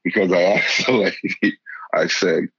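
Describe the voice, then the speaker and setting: A man from the area, telling a story in casual conversation, halting with many restarts and laughing now and then. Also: low voice, fairly even intonation, a bit bright, breathy edge, no room sound. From Boston area, Massachusetts. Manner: laughs while telling stories. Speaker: interviewee. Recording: dull lo-fi sound.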